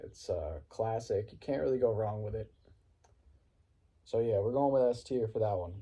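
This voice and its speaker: A man's voice: medium pitch, warm tone, breathy edge. A man talking casually to viewers in a rambling, laid-back, informal vlog style. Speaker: vlogger. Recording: some background noise.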